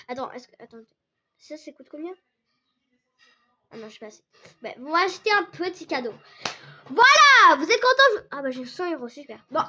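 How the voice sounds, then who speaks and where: A young woman with a sore, hoarse throat, rambling excitedly in casual game commentary for her channel. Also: high-pitched. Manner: rambling, excitable, many restarts and fillers. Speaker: gaming channel host. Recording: dull lo-fi recording.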